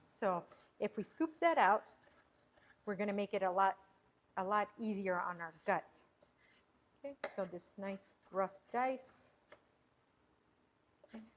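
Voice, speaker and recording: A woman hosting a casual cooking livestream from her home kitchen, chatting and rambling with frequent restarts as she preps food. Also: mid-range voice. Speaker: cooking show host.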